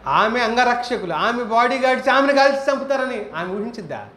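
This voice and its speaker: Emphatic male preacher, high voice, echoey hall. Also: a bit bright. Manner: rhetorical questions, rising to emphatic high bursts. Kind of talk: sermon. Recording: echoey hall with faint ambient noise.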